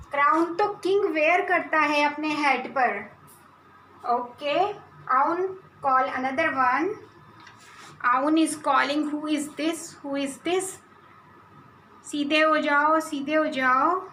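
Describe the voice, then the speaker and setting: A bright, high-pitched woman with an Indian accent leads a phonics class for young children. She spells each word out slowly and carefully, switching between English and Hindi. The room is echoey, with faint noise behind her. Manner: slow, deliberate spelling out of sounds and letters. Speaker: kindergarten teacher. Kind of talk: online phonics lesson for small children.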